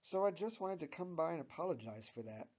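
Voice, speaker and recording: A man's voice: fairly high pitch, lively intonation, a little fast, darkish tone, slightly rough, pitched above the performer's own voice. A cocky, sarcastic teenage girl, read by a man with little change from his own voice. The sound is dull and lo-fi.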